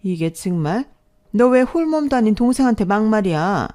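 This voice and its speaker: A woman's voice: on the low side, expressive, normal speed, warm tone, natural voice. A woman voicing a greedy, brazen stepmother who talks in a pushy, demanding way, read as storybook dialogue.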